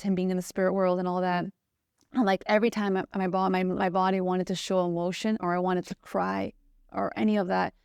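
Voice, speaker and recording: A woman's voice: medium pitch, vocal fry, a little mellow, clear, resonant tone, dry recording, studio quality. A woman guest on a podcast, earnestly telling a personal story with lots of "like" and "you know". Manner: earnest, searching, heavy use of "like" and "you know".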